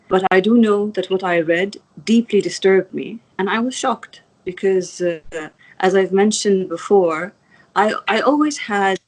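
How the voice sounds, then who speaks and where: A woman's voice: on the low side, low-quality recording. A woman from the Emirates, a guest in an interview, speaking earnestly with many restarts and apologies. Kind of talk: video interview.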